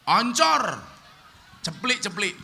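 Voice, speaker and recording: Javanese-accented preacher guy, jokey sermon, slow unhurried delivery, sing-song drills. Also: high-pitched, big pitch swings, vocal fry, pushed and bright. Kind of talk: humorous sermon to a crowd.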